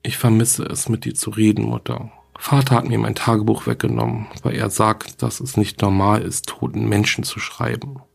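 A man's voice: fairly low pitch, normal speed, gravelly, few pauses, breathy edge, heavily acted. A man reading the diary entries of a frightened young schoolgirl who writes to her dead mother.

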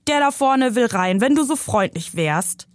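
A woman's voice: on the high side, lively intonation, a little slow, dry recording, clean studio sound, pitched above the performer's own voice. A woman reading aloud from her novel, voicing a grumpy, bossy old uncle who nags from the passenger seat. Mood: nagging. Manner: nagging, scolding commands.

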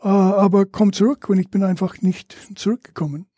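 Older American man, native English speaker, guest on a chat podcast, halting and searching for words, warm mellow voice. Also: high-pitched, fairly even intonation, slightly rough, no room sound, studio quality. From Louisiana, USA. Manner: halting, searching for German words, laughs often. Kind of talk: casual interview chat.

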